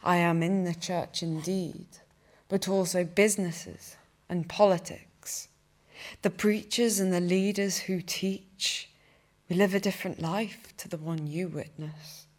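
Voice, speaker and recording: A young woman gives a poetry reading in a cathedral. Her voice sits low, and she lets every line land slowly and deliberately. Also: fairly even intonation, a little mellow. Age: young adult. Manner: slow, measured recitation. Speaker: young poet.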